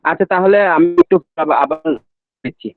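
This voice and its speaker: A male student asking halting questions in a live online class, his audio choppy and cutting out over a weak internet connection. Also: a little high, no echo, soft background music. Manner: hesitant, halting, with many fillers. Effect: choppy audio that keeps cutting out over a weak internet connection. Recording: dull lo-fi online call audio.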